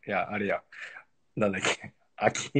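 A man's voice: on the low side, a bit bright, husky. A man, chatting casually on a live stream and laughing often. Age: 40s. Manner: laid-back, laughs often, joking. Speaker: pro footballer, live-stream guest.

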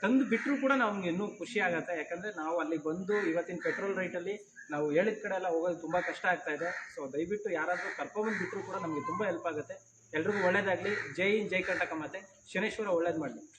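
A man's voice: sits high, fast, echoey room, noisy background. A man running a shelter, making an earnest live video appeal and repeating his requests. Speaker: shelter founder.

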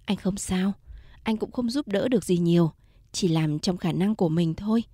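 A woman voicing a caring, successful man who speaks softly and reassuringly in a storybook reading. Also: lowish voice, normal speed, husky, no room sound, studio quality. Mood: gentle.

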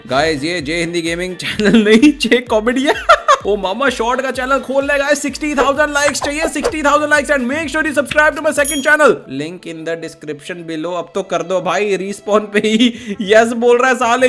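A young man with a Hindi accent doing excited, teasing Minecraft commentary, loud and quick to repeat words. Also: extremely high pitch. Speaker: gaming YouTuber.

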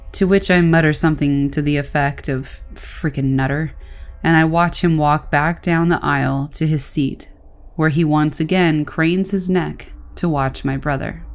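A woman reading stories aloud as a narrator, in a calm, even storytelling manner. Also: low voice.

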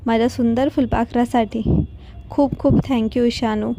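Storybook role: a woman voicing a shy, tearful young wife, hushed and fairly high. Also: steady tone, measured pace, creaky. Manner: hushed, trembling. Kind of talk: storybook reading.

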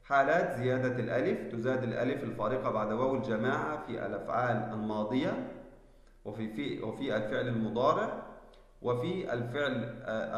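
A male teacher giving a spelling lesson, explaining slowly and deliberately and checking that students follow. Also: medium pitch. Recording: echoey room with long reverb.

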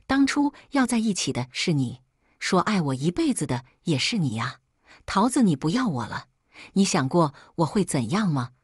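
A woman's voice: fairly low pitch, sing-song, moderate pace, slightly rough, dry recording, clean studio sound. A woman reading the lines of a hurt, demanding young boyfriend in an audio story, accusing and pleading.

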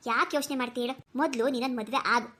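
A woman's voice: on the high side, rapid-fire, natural voice. A woman voicing a kindly, talkative old grandmother in a cartoon who soothes and lectures the young. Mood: consoling. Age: older. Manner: warm, soothing, preachy, lively. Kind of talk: cartoon voice acting.

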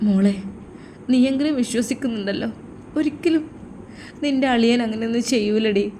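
A woman voicing a gentle young woman, an older sister, who speaks softly and with quiet resignation. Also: on the high side, moderate pace, a little hiss or hum, natural voice. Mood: sorrowful. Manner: soft, resigned, sorrowful.

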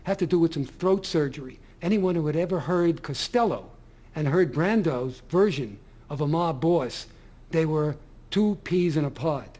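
Brief: male interviewee, somewhat high voice, conversational. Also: expressive, moderate pace, a little mellow. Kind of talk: documentary interview.

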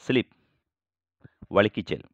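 Slow, deliberate man teaching vocabulary. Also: no room sound, highs cut off. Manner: slow, deliberate, repeats each phrase then translates. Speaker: English teacher. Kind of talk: bilingual vocabulary lesson.

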